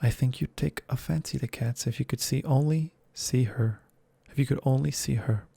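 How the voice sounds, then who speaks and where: Man softly reading as a polite chatty young girl, whispered role-play, earnest, mellow dark tone, gravelly. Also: mid-range voice, moderate pace, no room sound. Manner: earnest, eager, soft-spoken.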